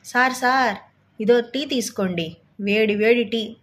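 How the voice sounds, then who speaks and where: A woman's voice: a little high, measured pace, fairly bright tone, pitched above the performer's own voice. A woman voicing a humble, pleading poor village man from the countryside, who speaks deferentially.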